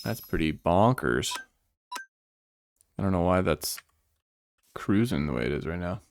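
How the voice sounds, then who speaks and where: A man's voice: low voice, expressive, measured pace, a little hiss or hum. A young man streaming a game, chatting casually and sleepily, rambling and thinking aloud with lots of fillers. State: sleepy, yawning. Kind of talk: casual livestream gameplay chat.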